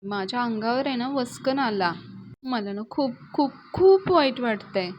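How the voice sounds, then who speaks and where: A lovesick young woman pleads and frets through tears, as a woman reads her lines. Her voice sits fairly high and has a whiny edge. It is a plain retelling rather than a full performance. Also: moderate pace, highs cut off, a little hiss or hum, lightly acted. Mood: lovesick pleading.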